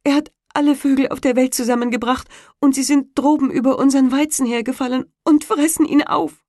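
A woman's voice: sits high, steady tone, brisk, a little mellow, no echo, studio quality, voice pushed up, close to an everyday voice. A woman voicing a carter's wife who cries out in alarm.

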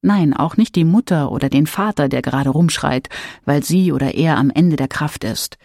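A man reading a parenting text in a calm way, speaking straight to the listeners. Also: fairly high pitch, moderate pace, gravelly, dry recording, studio quality. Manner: calm, addresses listeners directly. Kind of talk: scripted reading.

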